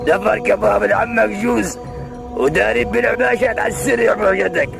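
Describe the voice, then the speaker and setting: A man's voice: high-pitched, brisk, vocal fry. A man playing a bossy, folksy village man with an Iraqi Arabic accent in a comic dialect skit. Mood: instructive. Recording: music behind the voice.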